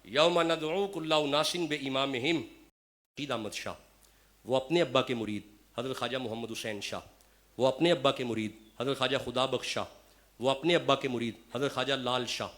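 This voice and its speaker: A man preaching an impassioned sermon at a mosque gathering, moving between hushed storytelling and loud declaiming. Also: mid-range voice, fairly even intonation.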